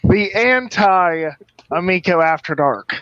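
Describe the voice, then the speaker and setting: A man's voice: high-pitched, animated, takes it slowly, fairly bright tone, highs cut off. A man on a casual podcast panel, laid-back and easygoing, heard over a remote call connection.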